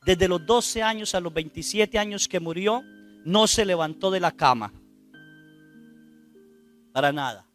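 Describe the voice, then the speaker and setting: A priest preaching a sermon, retelling a testimony with dramatic, loud quoted lines and rhetorical questions to his listeners. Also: sits high, a little slow, pauses often, faint music behind. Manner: dramatic, acts out quoted speech loudly, asks the congregation rhetorical questions.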